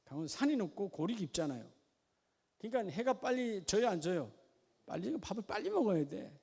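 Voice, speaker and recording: High-voiced Korean pastor preaching to a congregation. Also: male voice, sing-song, fairly quick, vocal fry, slightly rough. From Gyeongsang region of Korea. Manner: folksy preaching with questions to the congregation, dropping to a quiet aside. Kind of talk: sermon.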